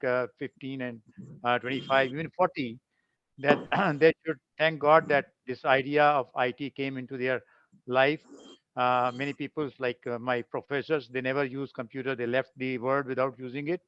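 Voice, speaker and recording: A man's voice: on the high side, a bit bright, smooth, no room sound. An older man with an Indian accent, a teacher giving a humble, rambling, informal address to students online. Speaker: IT teacher and workshop speaker. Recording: dull lo-fi web conference audio.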